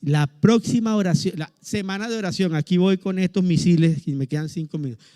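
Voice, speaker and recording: A middle-aged man, preaching a lively sermon with humorous stories and fervent calls to prayer. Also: sits high, brisk, clear, resonant tone, dry recording. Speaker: pastor.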